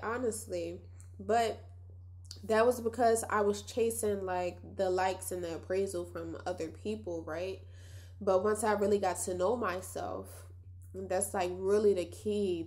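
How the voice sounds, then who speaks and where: A young podcast host with a nasal, mid-range, darkish voice runs a casual solo show. She is chatty and reflective, talking straight to her listeners.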